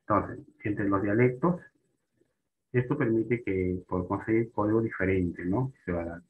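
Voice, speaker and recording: Halting man teaching a class. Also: lowish voice, phone-quality sound. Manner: halting, many fillers and restarts, tag questions after points. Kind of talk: spoken lecture on the history of Spanish.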